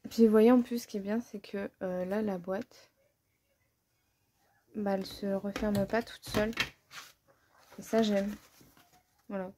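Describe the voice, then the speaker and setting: Speaking at a measured pace with long pauses, this woman has a mellow, medium-pitched voice and fairly even intonation. She's an art vlogger giving casual commentary on an art-supply haul, swatching watercolors, musing aloud, and joking at her own expense in a chatty, self-deprecating manner.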